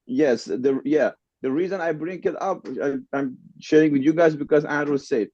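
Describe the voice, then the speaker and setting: A Middle Eastern man whose first language is Farsi appears as a podcast guest, telling stories casually in non-native English with a Persian accent and repeating lines for emphasis. His voice is on the high side at a moderate pace, and the dull audio carries a loud crowd.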